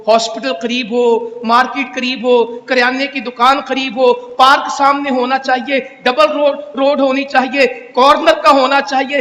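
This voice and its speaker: A man's voice: very high-pitched, fairly bright tone. A man preaching a Friday sermon in a mosque, scolding and exhorting with rhetorical questions. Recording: echoey hall reverb.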